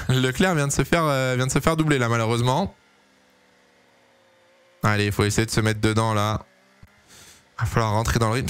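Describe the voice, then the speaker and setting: A young man giving casual, excitable live commentary on a race for his stream, pleading and cheering as it unfolds. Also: medium pitch, smooth. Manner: excitable, pleading, swings to shouting at big moments.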